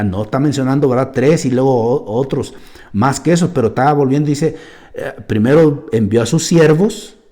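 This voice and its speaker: Male pastor, church sermon, lively pitch swings, warm tone, dips quiet for emphasis. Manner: emphatic, keeps addressing listeners as "hermano"; drops to a low, quiet voice for stress, then rises.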